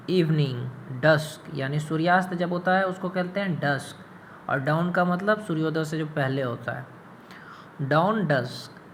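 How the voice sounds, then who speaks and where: A man's voice: a little high, fairly bright tone, slight background noise. A man teaching English pronunciation in Hindi, drawing out and repeating each word with teasing asides. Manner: slow, drawn-out words, repeats terms for learners, teasing asides.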